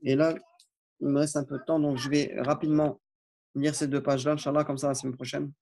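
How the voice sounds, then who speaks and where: A man giving an online Arabic lesson in French, reading phrases aloud slowly and then explaining them informally. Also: on the high side, flat delivery, warm tone. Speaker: Arabic teacher.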